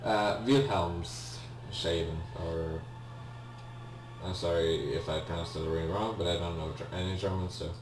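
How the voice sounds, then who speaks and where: Low-voiced and a little slow, with fairly even intonation, a young man narrates his gameplay casually. He speaks Polish natively, carries a Polish accent, and sounds unsure of himself, apologizing and restarting amid many ums. The audio has echo, distant miking and a faint hum.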